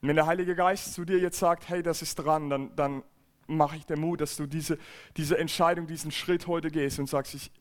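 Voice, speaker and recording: A man's voice: on the high side, steady tone, moderate pace. A man preaching a church sermon, earnest and emphatic, often repeating and restarting phrases. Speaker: pastor. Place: church service.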